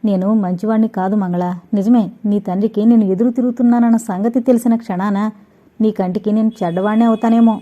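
A woman's voice: medium pitch, fairly even intonation, fast, lightly acted. A woman reading a bold teasing young lover. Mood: confident. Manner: playful, self-assured, teasing. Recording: dull lo-fi audio.

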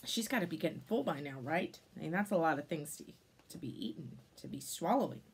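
Reading a picture book to children, a thirtysomething woman speaks quickly in a deep, creaky, slightly rough voice. She's expressive, exclaiming often and adding chatty asides to explain things.

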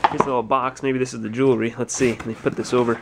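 Gravelly man musing over storage finds. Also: mid-range voice, little pitch movement, rapid-fire, heavy background noise. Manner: musing, thinking aloud while sorting. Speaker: resale store owner. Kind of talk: casual narrated unboxing vlog. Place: cluttered indoor stock room. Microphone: handheld or head-mounted camera.

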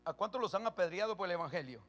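High, bright-voiced preaching pastor. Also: male voice, faint music behind. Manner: rises from calm Bible reading to loud preaching, with quick questions to the congregation. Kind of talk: sermon.

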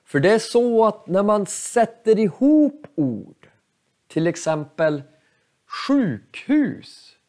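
A man teaching a pronunciation lesson, speaking slowly and carefully and repeating each example word for learners. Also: high-pitched, a little mellow. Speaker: Swedish language teacher.

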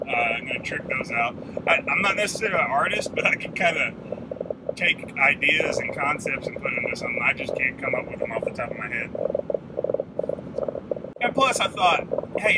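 A man in his thirties giving a rambling, relaxed video reply from inside a pickup truck, stopping now and then to puff on a pipe. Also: fairly high pitch, gravelly. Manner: rambling, relaxed, with restarts and drawn-out pauses; talks while smoking a pipe. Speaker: vlogger. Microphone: phone or camera mounted on the dashboard. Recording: loud road and engine noise.

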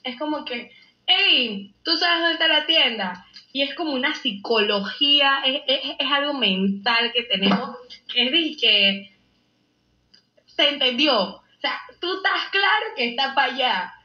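A young woman with a Panamanian accent chats playfully, laughing as she acts out local phrases. Her voice is bright and forceful, sitting a bit high. It comes through a lapel mic with a roomy echo and a slightly dull tone. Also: animated, unhurried. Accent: Panamanian Spanish. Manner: playful, laughing often, acting out quoted phrases. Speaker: reality show contestant. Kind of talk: casual slang lesson to camera.

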